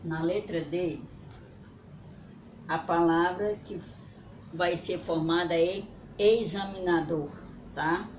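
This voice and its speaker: A woman teacher talks to young children slowly and deliberately in a fairly low voice, stretching each word out syllable by syllable. She keeps checking in with short tag questions. The recording is echoey, with clear noise behind her. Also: dull audio. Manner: drawn-out syllable-by-syllable pronunciation, frequent "certo?" and "né?" check-ins. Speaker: primary school teacher. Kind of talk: slow, deliberate spelling lesson for children. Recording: echoey room with background noise.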